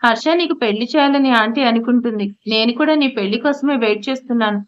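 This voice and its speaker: A woman's voice: on the high side, quick pace, lightly acted. A woman voicing a torn young man in an audio story, speaking defensively and pleadingly. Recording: slightly muffled audio.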